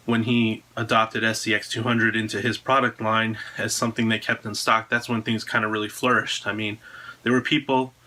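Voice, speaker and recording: With a lowish, sharp-toned voice, an American drone frame designer in his thirties talks casually to the camera in a room at home. He's presenting a product announcement in his own video.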